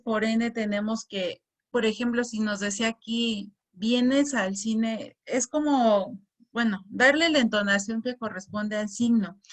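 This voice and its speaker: A woman teacher patiently explaining a lesson, often repeating words and reading example sentences aloud with exaggerated intonation. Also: fairly high pitch. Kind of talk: slow explanatory lesson on punctuation.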